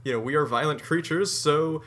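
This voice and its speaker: An eighteen-year-old man from the United States co-hosting a podcast, chatting in animated, opinionated run-on sentences. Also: fairly high pitch, normal speed. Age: teens. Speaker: podcast co-host. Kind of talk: casual chat.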